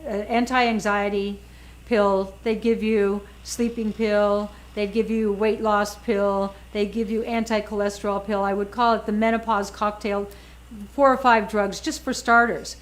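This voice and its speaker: A female author in her sixties, appearing as a guest, talks with a medium pitch and flat, unhurried delivery. The recording is low quality. Her casual chat is emphatic, with words often repeated for effect.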